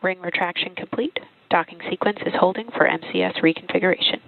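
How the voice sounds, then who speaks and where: Gravelly voice over a crackly radio loop. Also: medium pitch, fast. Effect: crackly radio comm-loop transmission with beeps. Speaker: flight controller on comm loop. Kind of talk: terse operational callouts. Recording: tinny radio loop with static.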